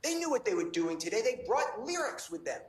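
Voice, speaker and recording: A man's voice: high voice, sing-song, brisk, roomy sound, low-quality recording. A man working as a defense attorney, pleading insistently with a judge in a courtroom.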